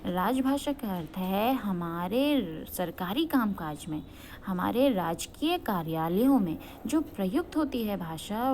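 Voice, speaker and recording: Woman grammar teacher from Uttarakhand, mid-pitched, slight background hiss, poses and answers her own questions. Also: a little mellow. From Uttarakhand, India. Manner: explanatory, poses questions and answers them, checks in with "okay". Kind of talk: grammar lesson.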